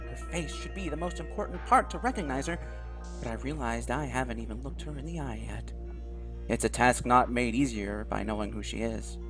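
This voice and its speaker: A medium-pitched video host reads a visual novel aloud and comments on it in a dramatic, expressive manner.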